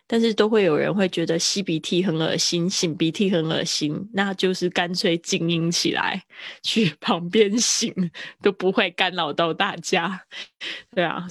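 An English teacher leads a livestream vocabulary lesson in relaxed Chinese, mixing in English terms and drawing words out slowly to drill them. She laughs easily, and her fairly low voice has a gravelly edge. The sound is close and dry, with no echo.

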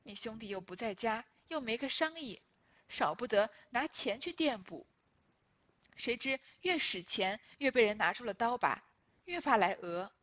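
A woman voicing a shrewd, sharp-tongued young noblewoman who feigns hurt, reading classic novel dialogue aloud with theatrical emphasis. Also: on the high side, lively intonation, moderate pace. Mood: aggrieved, scheming.

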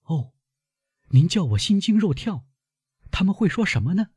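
A worried young woman presses her grandfather with one urgent question after another, as a male narrator lifts his voice for her. Her tone is husky and breathy, and it sits close and dry with no room around it. This is storybook reading. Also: sits high, sing-song, normal speed, darkish tone, dry recording, voice pushed up, heavily acted. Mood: anxious pleading.

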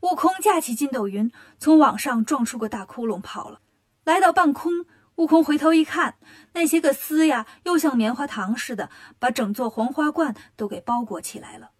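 A woman narrating a children's story in a lively, expressive way. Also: sits high, normal speed.

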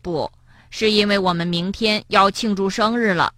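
A woman doing a soft, sighing sad frog. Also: mid-range voice, fairly even intonation, normal speed, no room sound, clean studio sound, lightly acted. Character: sad, gentle young male frog.

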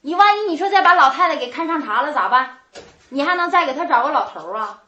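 Actress as quarrelsome Northeastern sister-in-law, bright tense voice, echoey stage. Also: female voice, sits high, animated, quick pace, dull audio. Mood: scornful. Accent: Northeastern Mandarin. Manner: sharp-tongued, quarrelsome. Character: shrewish middle-aged sister-in-law, stingy and spiteful. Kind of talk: comic stage folk opera dialogue.

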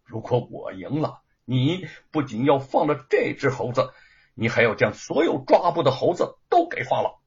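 Man playing impassioned scholar, husky voice, lo-fi sound. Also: medium pitch, huge pitch swings, moderate pace, exaggerated voice. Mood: defiant. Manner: impassioned, pleading. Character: defiant earnest young male scholar. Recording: dull lo-fi recording.

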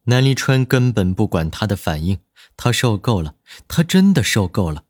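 An audiobook narrator with a lowish voice reads a romance drama in scripted, dramatic fashion, telling it with expressive liveliness. His pitch swings widely at a moderate pace, and the sound is dry and close, with no echo or room around it.

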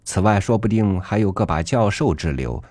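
A man reading a literary essay aloud for a podcast, measured and earnest, rising emphatically on rhetorical questions. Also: fairly low pitch, animated, no echo. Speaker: podcast reader. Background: soft background music.

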